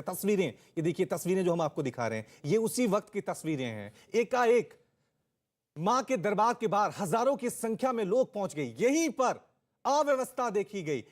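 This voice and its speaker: Male anchor, very high voice, urgent questioning, studio bulletin. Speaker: news anchor. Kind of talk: studio news reading.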